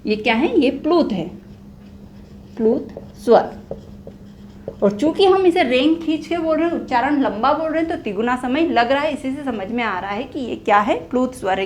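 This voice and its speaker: A woman's voice: sits high, darkish tone, slight background noise. A young woman teaching Hindi grammar, repeating key phrases and asking and answering her own questions. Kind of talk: whiteboard lesson explaining grammar.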